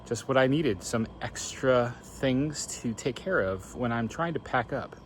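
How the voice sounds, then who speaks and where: A man with a mid-pitched voice chats informally, as if filming his own vlog. He thinks aloud and narrates chores as he goes. Faint ambient noise sits behind his voice. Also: animated, a little slow. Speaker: RV living vlogger. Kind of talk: casual first-person vlog chat while doing chores.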